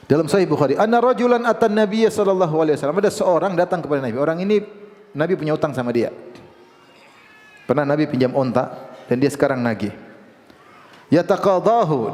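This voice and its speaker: A preacher's slightly high voice echoes with a big-room sound as he delivers an Islamic lecture. He tells stories with energy, voicing the people in them as he quotes them.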